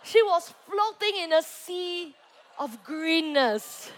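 A young woman gives a youth sermon and tells a personal story, acting out her own reactions as she goes. Her voice sits high, and she swings between hushed, tender moments and loud, excited bursts. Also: slow, slight background noise. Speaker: youth pastor.

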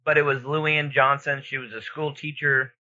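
A man's voice: medium pitch, level tone, moderate pace, sharp tone. A man co-hosting a podcast in casual, informal chat, rambling and thinking aloud as he gives his opinions. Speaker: podcast co-host. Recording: dull lo-fi audio.

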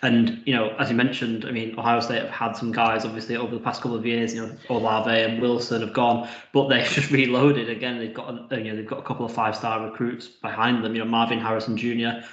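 A man talks fast in a casual podcast chat, piling up fillers and restarts. His pitch stays flat. The audio sounds roomy and dull, like a lo-fi call. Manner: quick, filler-heavy analysis with many restarts. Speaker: podcast guest.

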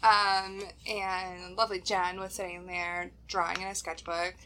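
A woman's voice: fairly low pitch, level tone, unhurried, sharp tone, slight background noise. A woman co-hosting a podcast in natural, unscripted casual talk with a friend, chatty, giggly and self-deprecating. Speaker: podcast co-host.

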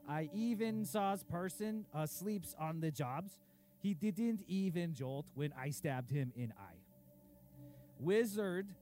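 An actor playing a cruel, boastful dark lord king reading his diary in broken grammar, in a comedic audio sketch. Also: a little high.

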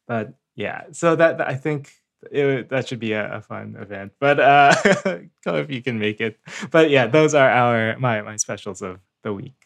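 A man co-hosting a podcast in casual chat, talking haltingly with many fillers and restarts. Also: medium pitch, vocal fry, a bit bright, dry recording, clean studio sound. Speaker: podcast co-host.

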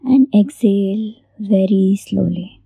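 A woman hosting a guided meditation in a soft, breathy near-whisper, gently giving unhurried instructions with long pauses. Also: medium pitch, dry recording, poor audio. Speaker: meditation host.

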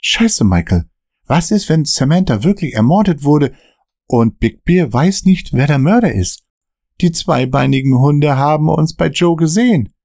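A man voicing a frantic, high-strung young waiter who swears when scared, in a read-aloud story. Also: expressive, unhurried, vocal fry, darkish tone, no echo, clean studio sound. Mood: anxious. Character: panicky young male waiter friend.

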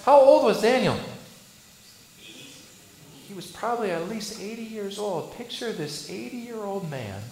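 Pastor, male, high voice. Preaches with rhetorical questions and sharp shifts between loud and soft. Roomy church sound with faint background hum. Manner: asks rhetorical questions, swings between loud bursts and hushed lines. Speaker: Lutheran pastor. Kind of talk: sermon.

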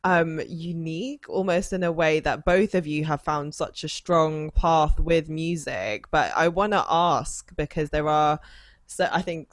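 A woman's voice: low-pitched, no echo. A woman in her late twenties from the UK, hosting a podcast and asking long, winding questions full of "sort of". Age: late 20s. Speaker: podcast host. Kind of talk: podcast interview.

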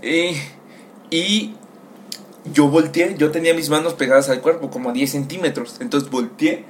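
A young man with a Mexican Spanish accent telling a crude story in casual chat, animated and acting out voices. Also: a little high, normal speed. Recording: faint background noise.

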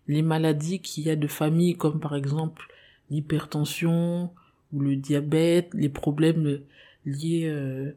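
Mellow-voiced woman, earnest and hesitant. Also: low-pitched. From Congolese descent. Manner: thoughtful, earnest, with frequent hesitations. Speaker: podcast host. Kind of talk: personal monologue.

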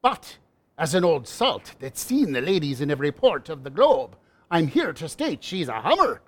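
An actor playing a gruff old fisherman and sea captain with raspy, folksy sailor talk in a radio comedy. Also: fairly high pitch, big pitch swings, normal speed. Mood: hearty, folksy.

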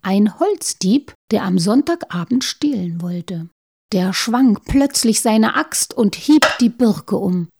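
Warm, gravelly woman reading a tale. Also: mid-range voice, takes it slowly. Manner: expressive, sometimes dropping to a whisper. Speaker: storyteller. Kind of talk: storybook reading aloud.

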